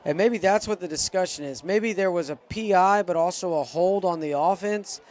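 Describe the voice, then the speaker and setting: A man with a high, slightly mellow voice calls a school football game live at a moderate pace. He sounds eager, pleads with the referees, and groans whenever a play goes wrong.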